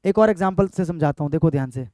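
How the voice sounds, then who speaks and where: A man teaches grammar in a high, smooth, resonant voice. The sound is close and dry, with no room around it. He keeps asking his students questions and reads each example sentence out slowly. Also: dark tone, dry recording. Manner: repeats points and quizzes students with questions. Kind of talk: exam-prep grammar lesson.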